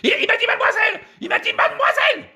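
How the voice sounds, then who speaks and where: Man in shrill falsetto, outraged young woman, screeching, very high, bright and sharp. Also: expressive, rapid-fire, exaggerated voice. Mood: indignant.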